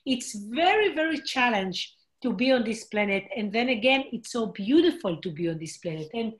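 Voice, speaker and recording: A woman's voice: on the high side, lively intonation, moderate pace. A woman hosting an online spiritual group, speaking earnestly in non-native English with frequent grammar slips. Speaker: host of spiritual group meeting. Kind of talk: casual group talk.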